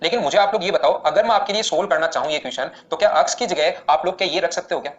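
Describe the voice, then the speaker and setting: A man teaching maths in a live online class, explaining steps rapidly and repeatedly asking students questions. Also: a little high, highs cut off.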